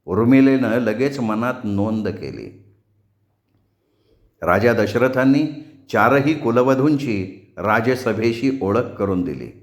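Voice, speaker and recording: A man reading a novel aloud as a storyteller, measured and descriptive. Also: mid-range voice. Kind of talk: audiobook narration of a novel. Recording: roomy echo.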